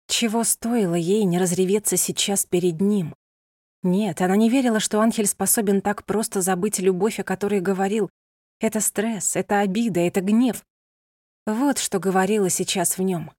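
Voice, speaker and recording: A woman narrating a novel in an even, measured storytelling manner. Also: mid-range voice, no echo, studio quality. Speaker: audiobook narrator.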